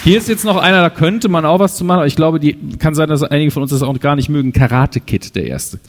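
A man co-hosting a live podcast, running through topics in an animated way. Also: on the high side, fast, slight background noise. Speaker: podcast co-host. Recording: echoey hall.

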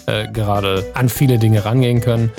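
A man's voice: fairly low pitch, fairly even intonation, brisk, music in the background. A man, a podcast host, chatting casually and joking his way through the show's sign-off. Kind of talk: casual chat and show outro.

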